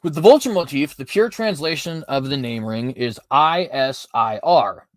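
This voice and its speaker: Reading aloud from notes, this podcast host delivers apologetics commentary, stumbling into fillers and correcting himself often. He has a medium-pitched, expressive voice at a moderate pace, captured in a dry recording.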